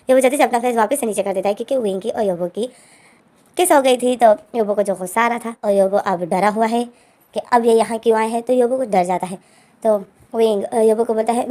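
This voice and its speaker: A woman retells a fan fiction story in a chatty, conversational way, adding fillers as she goes. Her voice sits a little high and has a mellow tone.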